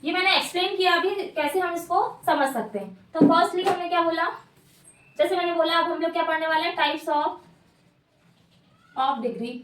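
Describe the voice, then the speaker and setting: High-voiced woman teaching in an echoey room. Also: moderate pace, fairly bright tone, a little hiss or hum. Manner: asks questions and answers them herself, repeats words. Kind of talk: grammar lesson at a board. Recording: echoey room, mic at a distance.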